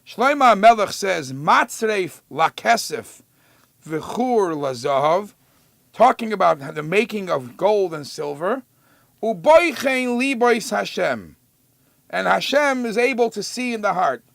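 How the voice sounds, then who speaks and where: A rabbi gives a Torah lesson, his high voice carrying a strong gravelly creak, recorded close and dry. He is animated and unhurried, with a fairly bright tone, drawing out quoted verses emphatically before discussing them in a conversational way.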